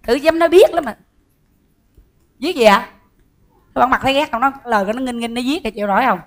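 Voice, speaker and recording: Comedy sketch: actress as a bossy woman star, high and fast, all teasing jabs. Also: close to an everyday voice. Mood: scolding banter. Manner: rapid, teasing, exclamatory, bickering. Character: sharp-tongued bossy woman performer, quick to mock. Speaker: comedic lead.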